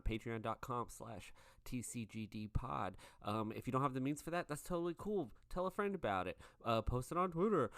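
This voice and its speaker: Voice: mid-range voice, clear, resonant tone, no room sound, studio quality. A co-host of a tabletop game podcast, talking in a chatty way full of filler while playing and reading show announcements.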